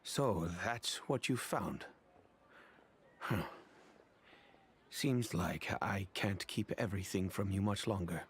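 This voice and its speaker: An actor playing a grave, secretive middle-aged wealthy father who speaks deliberately. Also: on the low side, slightly rough, heavily acted.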